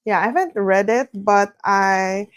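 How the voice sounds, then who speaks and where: Woman, casual livestream host, relaxed chatter, sing-songy at times, mid pitch, dry room. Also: measured pace, dry recording. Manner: chatty, relaxed, reads viewer comments aloud. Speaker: streamer hosting reading sprints.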